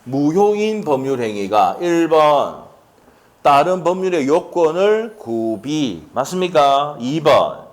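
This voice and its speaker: A man's voice: a little high, sing-song, takes it slowly. A middle-aged man teaching an exam-prep law lecture, firing rhetorical questions and chatty asides at his students.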